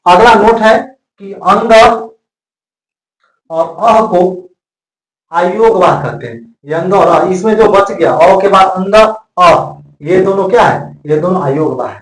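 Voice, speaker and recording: A man with a Bihari Hindi accent teaching an exam-prep grammar lesson, repeating each point slowly and drawing out vowels as examples. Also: sits high. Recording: roomy echo.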